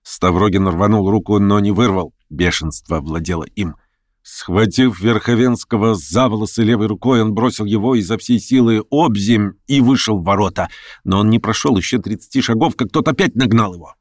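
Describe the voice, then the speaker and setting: A man narrating a literary novel in a steady, even storytelling manner. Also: lowish voice, normal speed, dry recording, clean studio sound. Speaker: audiobook narrator.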